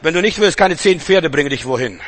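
A middle-aged male preacher delivering a sermon, emphatic and repetitive, swinging between loud proclamations and quiet, intense passages. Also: on the high side, expressive, brisk.

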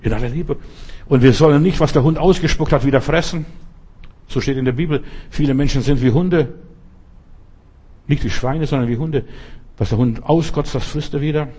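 Male preacher, husky voice, emphatic sermon delivery, addresses listener directly. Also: a little high, normal speed, long pauses, warm tone. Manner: emphatic, talks straight to the listener.

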